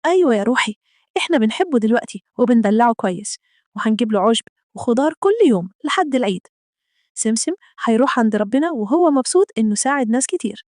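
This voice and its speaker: A woman's voice: a little high, lively intonation, fast talker, darkish tone, no echo, clean studio sound, natural voice. A woman voicing a middle-aged Egyptian mother who scolds her husband and patiently explains things to her children, with an Egyptian accent. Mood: tender. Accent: Egyptian Arabic.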